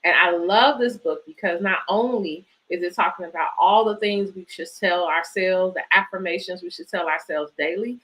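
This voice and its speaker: A woman with a lowish, slightly bright voice hosts a children's bedtime storytime, reading picture books aloud and encouraging the families listening. She directs a book organisation, and the recording quality is low.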